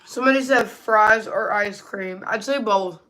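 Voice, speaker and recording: A woman's voice: mid-range voice, a little slow, a bit bright, rough recording. Casual woman livestreamer chatting while eating. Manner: talking while eating, mouth sometimes full. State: tired. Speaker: live streamer.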